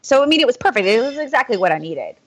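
A woman's voice: a little high, sing-song, racing, slightly rough, no echo. A woman guest on a podcast, chatting casually about running and laughing often, with many "like" fillers. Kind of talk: casual chat.

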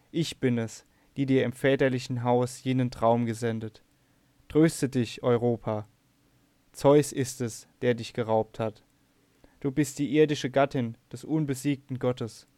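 A man voicing the goddess of love, speaking softly, quietly and calmly as she comforts a weeping girl. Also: mid-range voice, a little slow, dry recording, lightly acted. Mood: consoling. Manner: soft, quiet and calm.

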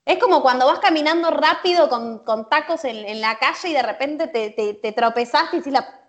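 A woman's voice: sits high, normal speed. A woman with a Rioplatense Spanish accent explaining emotions in casual chat, with many fillers and tag questions.

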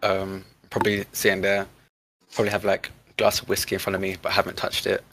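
A man's voice: low-pitched, completely flat delivery, quick pace, fairly bright tone, a little hiss or hum. A man casually improvising as a player in a tabletop role-playing game. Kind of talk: casual improvised character description.

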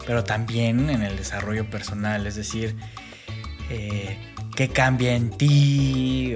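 A bilingual man with a Mexican accent, native in English and Spanish, co-hosting a casual podcast. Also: lowish voice. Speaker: podcast co-host.

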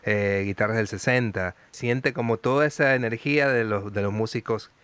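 Smooth-voiced host, dry sound. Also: male voice, on the low side, normal speed, no room sound. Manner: relaxed and slangy, asks friendly questions. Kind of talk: casual interview chat.

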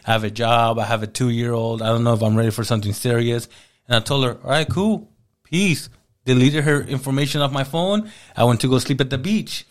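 A man's voice: medium pitch, brisk. Man telling his story, acting out dialogue. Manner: animated, acts out quoted dialogue. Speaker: interview guest. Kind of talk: casual storytelling.

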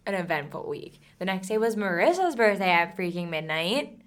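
Chatty young woman, slightly low voice. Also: animated, normal speed. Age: 20s. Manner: chatty, lots of "like" fillers. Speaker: podcast co-host. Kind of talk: casual chat.

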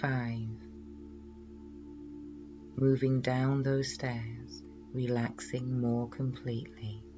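A man leading a guided relaxation in a slow, soothing hypnotist's manner, measured and full of pauses. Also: mid-range voice, monotone, muffled recording, music in the background.

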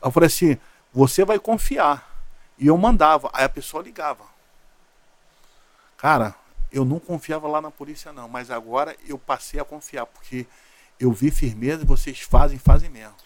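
A man's voice: fairly high pitch, normal speed, dry recording. A middle-aged man, a police officer guest telling a story and acting out the dialogue. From Rio de Janeiro, Brazil. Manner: lively, quotes both sides of conversations.

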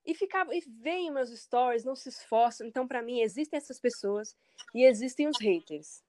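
A woman's voice: on the high side, lively intonation, moderate pace, darkish tone, no echo. A woman from Brazil, a singer, speaking candidly and emphatically in a casual interview, acting out the comments of others.

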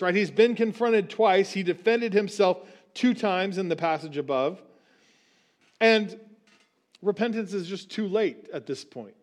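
A man preaching a casual, conversational sermon, often tossing in rhetorical asides. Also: on the high side.

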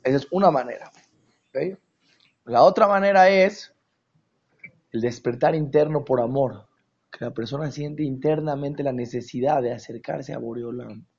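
A man giving a Torah class as a religious teacher, animated and rhetorical, often checking that his listeners follow. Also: medium pitch, moderate pace, gravelly, pauses often, husky, highs cut off.

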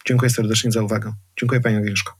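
A man hosting a podcast interview, asking calm, measured questions. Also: lowish voice. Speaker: podcast host.

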